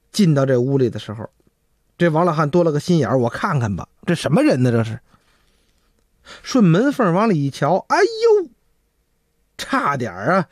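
Male storyteller, animated delivery full of sound words, dry close sound. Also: sits high, no echo. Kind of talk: folk-tale storytelling.

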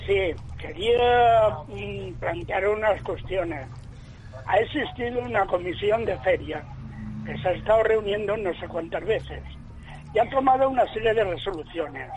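A man calling in over the phone to a radio debate, making his points earnestly and deliberately, repeating them. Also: high-pitched, lively intonation, darkish tone, a little hiss or hum, poor audio. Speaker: radio caller. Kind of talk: call-in opinion on a radio debate.

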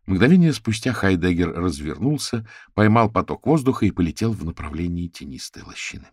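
A man narrating an audiobook in an even, steady reading. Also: low-pitched, brisk, breathy edge, no room sound, studio quality.

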